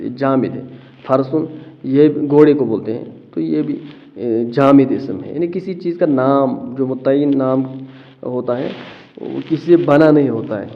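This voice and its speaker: A man teaching a lesson, explaining step by step, asking questions and answering them himself, often pausing with fillers. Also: mid-range voice, muffled recording. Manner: asks rhetorical questions then answers them; checks in with listeners, hesitant fillers. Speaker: Arabic grammar teacher.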